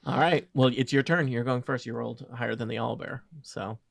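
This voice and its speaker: A man runs a tabletop game as game master, improvising his narration. He pauses mid-sentence as he works out each description. The sound is dry, with very little room in it. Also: medium pitch, steady tone, gravelly, dry recording.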